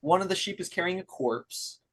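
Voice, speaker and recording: A man's voice: sits high, expressive, normal speed, fairly bright tone. A man playing a tabletop game, easygoing, laughing often and repeating words as he describes his character. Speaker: player. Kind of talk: tabletop role-play chat.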